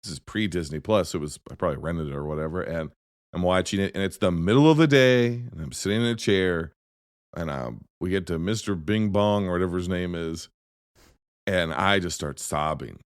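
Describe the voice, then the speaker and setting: A man's voice: sits low, a little fast, no room sound, studio quality. A man hosting a podcast, chatting casually about films, rambling and cutting himself off as he tells stories. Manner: rambling, self-interrupting, animated storytelling. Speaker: podcast host. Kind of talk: casual movie chat.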